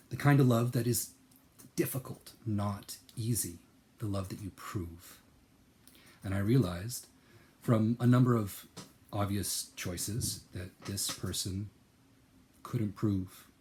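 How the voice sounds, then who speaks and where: Earnest and searching, a male channel host talks through a personal, reflective monologue, repeating words while he thinks. His delivery swings between soft, lowered phrases and sudden loud, emphatic bursts.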